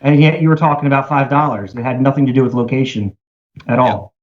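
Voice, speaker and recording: A man from Baltimore, a musician guest on a podcast, telling animated, rambling stories in casual chat. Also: mid-range voice, fast, lo-fi sound. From Baltimore, USA.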